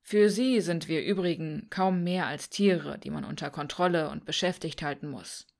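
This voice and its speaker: A woman voicing a cynical young man who grew up in the slums, speaking dryly and calmly. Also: deep voice, moderate pace, vocal fry. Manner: dry, cynical.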